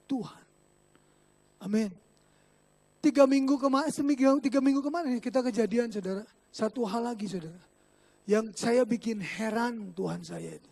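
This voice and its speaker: A male pastor with a Sundanese-inflected Indonesian accent delivers a church sermon in a notably high-pitched voice. He is animated and jokey, jumping between loud exclamations and soft, quiet asides. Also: moderate pace, vocal fry, long pauses. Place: church service.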